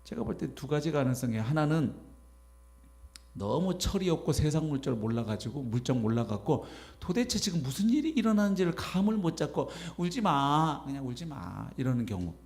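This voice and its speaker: Animated Korean pastor preaching. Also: male voice, a little high, fairly quick. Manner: animated, acts out imagined scolding voices. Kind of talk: sermon. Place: church sanctuary.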